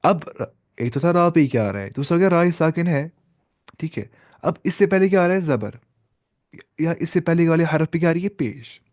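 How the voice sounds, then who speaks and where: A man's voice: fairly high pitch, expressive, normal speed, a little mellow, dry recording, studio quality. A man teaching Quran reading in a class. He puts questions to the class, answers them himself, and repeats and stretches out sounds to demonstrate them. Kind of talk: classroom lesson.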